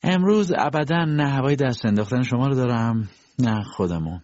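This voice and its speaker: A man's voice: mid-range voice, darkish tone, dry recording, muffled recording, pitched above the performer's own voice, close to an everyday voice. A man voicing a proud, capricious young woman with a scornful, teasing manner, in an audiobook reading.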